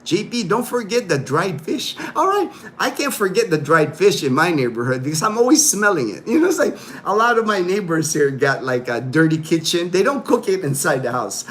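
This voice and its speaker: Rambling middle-aged guy hosting a livestream, kinda high voice, faint hum behind. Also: big pitch swings, moderate pace, few pauses, a bit bright. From Philippines. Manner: rambling, reads out viewer comments, many fillers. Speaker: livestream host. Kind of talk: casual livestream chat.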